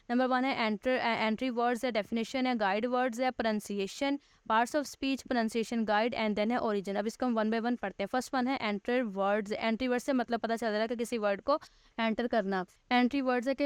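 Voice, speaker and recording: A woman's voice: a little high, smooth, no room sound, studio quality. Patient woman teaching a grammar lesson. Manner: reads English text slowly, then explains it step by step; patient, repeats and rephrases points.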